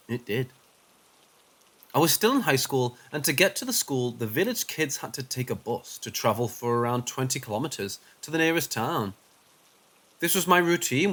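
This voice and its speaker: A man reads scripted, first-person paranormal stories, his voice sinking low and quiet whenever the tension builds.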